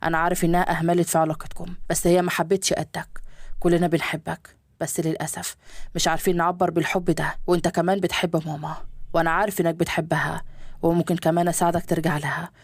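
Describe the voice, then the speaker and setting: Woman doing a remorseful Egyptian father, soft-spoken, very fast talker, dry close sound. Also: lowish voice, level tone, no echo, pitched below the performer's own voice. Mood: tender. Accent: Egyptian Arabic. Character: wealthy middle-aged father, remorseful and tender.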